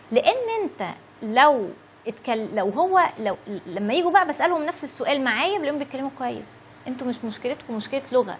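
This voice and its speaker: A woman's voice: high voice, slight background noise. A woman in her thirties with an Egyptian Arabic accent, chatting to viewers as an English teacher and checking in with a frequent "okay?". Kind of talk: casual lesson talk to viewers.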